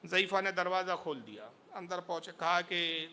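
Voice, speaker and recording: Male preacher from India, dramatic sermon storyteller, bright forceful delivery. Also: high voice, lively intonation, slight background noise. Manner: impassioned, dramatic narration.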